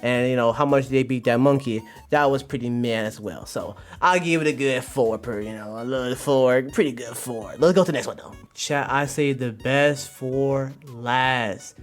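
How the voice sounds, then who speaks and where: Reviewing manga on a livestream, a man gives animated, slangy commentary to his chat, full of exclamations and phrases repeated in bursts. He speaks at a normal speed in a medium pitch, barely pausing, while music plays in the background.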